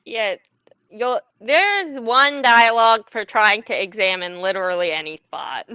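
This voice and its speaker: A woman's voice: on the high side, a little slow, bright, forceful tone, clear, resonant tone, no echo. A woman co-hosting a game playthrough with casual chat, recorded a little dully. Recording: slightly dull, lo-fi mic.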